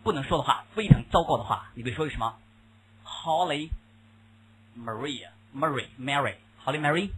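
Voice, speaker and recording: Lively husky Chinese man lecturing. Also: mid-range voice, normal speed, rough recording. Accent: Mandarin Chinese. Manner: lively, mixes Chinese and English, keeps asking the class questions. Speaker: English teacher. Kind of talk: classroom lecture.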